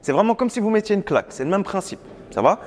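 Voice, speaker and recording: Un homme, coach de boxe, qui donne des consignes fortes et encourageantes pendant un entraînement en salle. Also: male voice, high-pitched, expressive, fast. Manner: loud, encouraging gym instructions. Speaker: boxing coach. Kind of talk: coaching a training session. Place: boxing gym.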